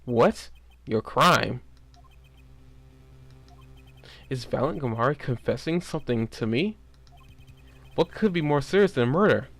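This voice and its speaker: A man voicing a probing, excitable defence lawyer in a video game, with an expressive questioning manner. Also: medium pitch, moderate pace, vocal fry. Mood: puzzled.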